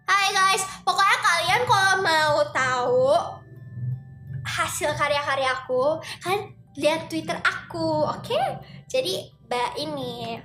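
Young woman streamer, very high and bright, unhurried, sing-song greetings, echoey room with faint music. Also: expressive. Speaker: livestream host. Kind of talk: casual livestream chat.

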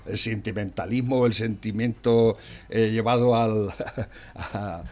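A man, co-hosting a casual political chat, loud and laughing easily. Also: fairly low pitch, steady tone, takes it slowly. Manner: rattles off a long word list loudly, then chats with laughs. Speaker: co-host.

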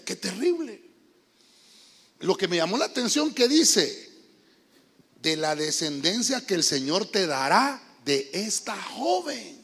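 A man from Honduras preaches a youth sermon as pastor in a church sanctuary, emphatic and calling his listeners brother while quizzing them. His voice is very high, slightly rough, with vocal fry. A long church hall reverb fills the recording.

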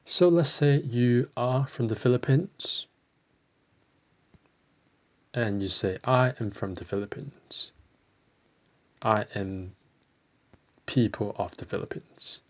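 A man's voice: medium pitch, slow pace, pauses often, dull audio. A man teaching a podcast language lesson, carefully modelling each phrase and repeating it.

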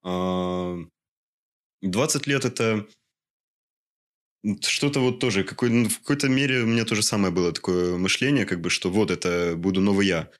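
A man's voice: sits low, normal speed. A man in his twenties, an interview guest, answering in a hesitant way and searching for words with many fillers. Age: 20s. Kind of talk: casual interview conversation.

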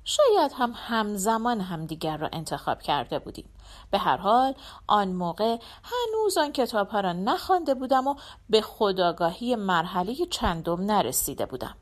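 A woman reads a first-person short story aloud with a reflective, expressive touch. Her voice sits a bit high and moves through lively rises and falls of pitch as she narrates. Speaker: audiobook narrator.

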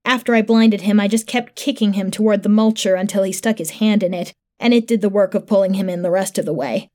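Woman reading a grim space horror story in first person, matter-of-fact, soft mellow voice. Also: medium pitch, fairly quick. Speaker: narrator. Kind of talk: first-person fiction narration.

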